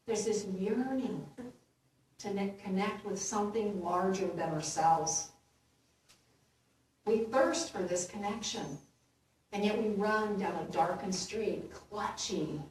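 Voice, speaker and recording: A woman minister giving a gentle, unhurried sermon, laughing lightly at her own jokes. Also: mid-range voice, a little hiss or hum. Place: church sanctuary. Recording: roomy echo from far off.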